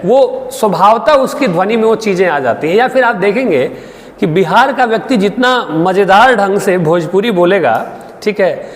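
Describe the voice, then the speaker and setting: Man, lecture, animated pitch, reverberant room. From Bihar, India. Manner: explains with frequent checks and tag questions. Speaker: Hindi literature teacher. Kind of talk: online exam-prep lecture.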